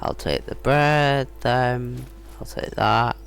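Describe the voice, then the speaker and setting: Chatty, slightly creaky male gamer. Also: medium pitch, slow, fairly bright tone. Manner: chatty, mutters to himself and the game characters. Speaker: video game streamer. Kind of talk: casual gameplay commentary. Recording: game music behind the voice. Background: video game music and dialogue.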